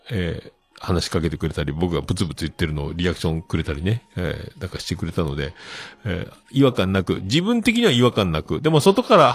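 Middle-aged male host, low husky voice, lively swings in pitch, rambling with fillers. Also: dry recording. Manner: rambling, full of fillers, chuckling at himself. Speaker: show host. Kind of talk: casual solo talk.

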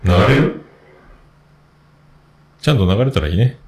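A man's voice: lowish voice, expressive, unhurried, darkish tone, slightly rough. A man with a hosting a casual solo talk show, rambling and chatty with many fillers.

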